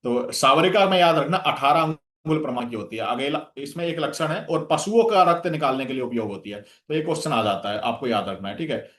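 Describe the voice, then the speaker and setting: A man's voice: medium pitch, animated, brisk, hardly any pauses, a bit bright, roomy sound. A man giving a revision lecture for an exam, listing terms with memory tricks and checking in with "theek hai" again and again. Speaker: exam coaching teacher.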